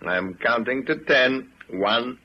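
An actor playing a hard, cynical fire captain in a radio drama, sardonic and given to barking orders. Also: male voice, medium pitch, slow pace, breathy edge. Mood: impatient, commanding. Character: hard, commanding, cynical fire captain who burns books. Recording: slightly dull radio drama recording.

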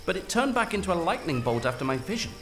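A man voicing a brooding young male vampire wizard who rushes through his explanations. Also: high voice, very animated, faint music behind. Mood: dreamy.

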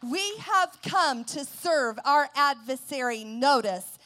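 A woman preaching in a church service with a high voice. She speaks slowly and deliberately, stressing each phrase. Her lines swell into loud, forceful declarations. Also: animated. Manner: declaiming a war-like declaration, slow and emphatic, rising to loud shouts. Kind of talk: sermon.

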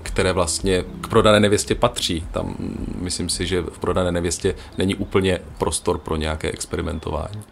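A man's voice: low voice, fairly even intonation, vocal fry, hardly any pauses, slight background noise. A man answering interview questions hesitantly, with many filler sounds.

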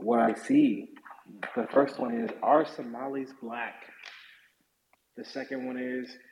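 A man's voice: medium pitch, darkish tone. A man in an online group chat talks in a casual, thinking-aloud way with many fillers. He is in a room with a big echo, so he sounds far off. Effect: big echoing room, voice sounds far off. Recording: echoey hall with noise, heard from afar.

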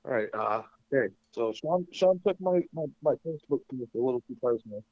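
A man calls in from his basement, his voice coming through muffled and bass-heavy. He talks in a brash, joking sports banter, and the line sounds dull and lo-fi with a dry, close feel. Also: animated, fairly quick, no room sound. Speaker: caller. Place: basement room.

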